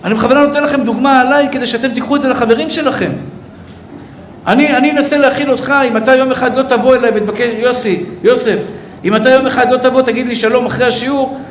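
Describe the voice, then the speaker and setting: A man, a rabbi, giving an emotional, warm sermon to a live audience, calling his listeners brother. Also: extremely high pitch, steady tone, a little hiss or hum. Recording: echoey hall, faint ambience.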